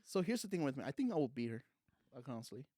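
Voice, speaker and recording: Guy hosting a chill podcast, talks in circles with lots of likes, mid pitch, dry sound. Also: big pitch swings, quick pace, warm tone, no room sound. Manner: rambling, many fillers and restarts. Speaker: podcast host. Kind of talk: casual chat.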